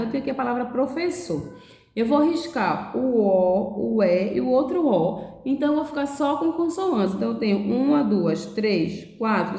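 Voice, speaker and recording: Patient woman teaching preschool children. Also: medium pitch. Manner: patient, explains step by step, ends phrases with "certo?". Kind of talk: remote class lesson for young children. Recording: echoey room.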